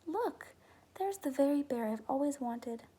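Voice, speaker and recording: A woman's voice: high-pitched, lively intonation, a little slow, warm tone. Woman voicing an eager little girl, storytime voice.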